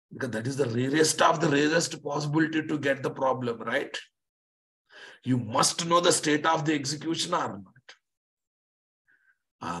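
A middle-aged man gives a live technical lesson in a Telugu Indian accent. His pitch sits in an ordinary male range. He drives points home with repetition and emphatic check questions to his listeners. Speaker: software trainer.

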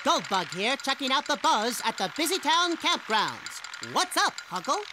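Upbeat bug newscaster in a kids' cartoon: high, bouncy, punchy sign-offs, music under. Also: big pitch swings, normal speed. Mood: chipper. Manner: punchy announcer delivery. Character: upbeat male bug TV news reporter. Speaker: news reporter. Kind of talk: cartoon voice acting.

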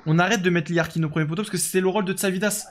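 Over background noise, a young man with a high, steady voice races through casual live commentary on a football management game. He chats freely, answers his viewers as he plays, and drops in lots of fillers.

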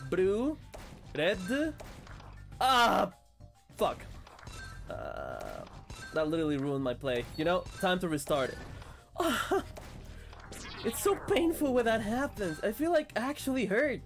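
A sick man streaming a video game, excitable and swearing as he plays. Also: high voice, unhurried, creaky, faint music behind. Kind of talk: casual gameplay commentary.

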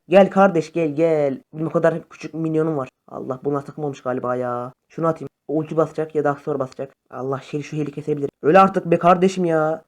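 A young man chatting casually to his viewers over phone gameplay, excitable and friendly. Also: fairly high pitch. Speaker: gaming YouTuber. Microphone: phone camera facecam.

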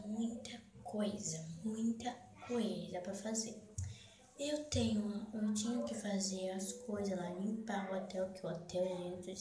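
A woman from Brazil vlogging to her viewers from a small bathroom, rambling and often half-whispering. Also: mid-range voice. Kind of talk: casual vlog talk to viewers. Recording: echoey bathroom with background noise. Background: background noise, kids shouting.

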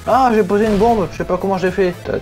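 A young man doing let's play commentary, excitable, yelping and swearing at the game as he plays. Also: sits high, quick pace. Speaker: gaming YouTuber. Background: game music.

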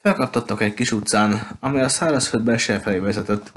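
A man reading a novel aloud at a steady pace, with occasional slips and restarts. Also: fairly low pitch. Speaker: audiobook reader.

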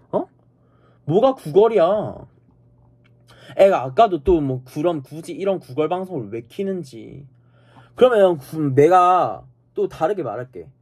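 A man rants at his live stream chat, swearing and hurling insults at the viewers. His voice is husky and sits fairly high. His pitch swings widely as he scolds. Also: darkish tone. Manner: angry, profane, insulting viewers; repeats a challenging "eh?".

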